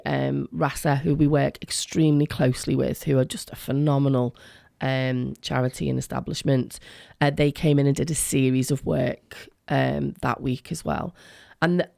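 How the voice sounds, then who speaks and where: A middle-aged woman with a creaky voice, talking earnestly and emphatically as a guest in a radio interview. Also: low voice, steady tone, moderate pace, a little mellow, no room sound, clean studio sound. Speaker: education worker, interview guest.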